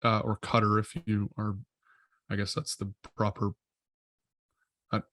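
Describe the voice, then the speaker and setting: A man's voice: fairly low pitch, completely flat delivery, measured pace, fairly bright tone, no echo. A man co-hosting a podcast in casual chat, rambling and correcting himself as he thinks aloud. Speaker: podcast co-host.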